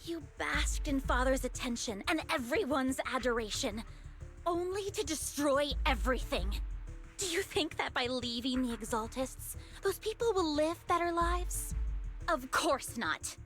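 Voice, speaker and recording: Here the same cold, scheming cult woman from a video game is voiced by an actress whose voice sits high and sounds fairly bright. She's animated yet a little slow, condescending and persuasive with a coolly mocking edge, and music runs underneath.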